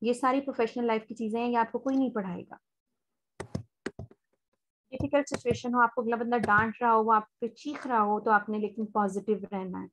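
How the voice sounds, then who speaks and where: A woman with a Pakistani accent teaching an online spoken English class, explaining step by step and slowing down for polite sample phone lines. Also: fairly high pitch, fairly even intonation, slight background noise.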